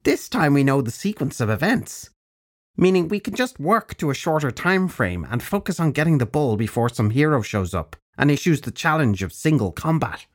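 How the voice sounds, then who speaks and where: A man reading an audiobook, voicing a cackling old crone who is blunt and wise, in brisk, matter-of-fact lectures. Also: on the high side, big pitch swings, pitched above the performer's own voice. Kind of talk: audiobook narration.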